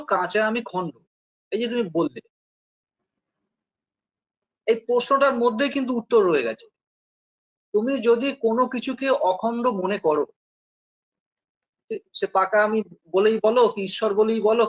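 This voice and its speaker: High-voiced Bengali man patiently explaining. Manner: patient, explanatory, uses rhetorical questions. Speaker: spiritual teacher. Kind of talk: philosophical discussion. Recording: dull lo-fi recording.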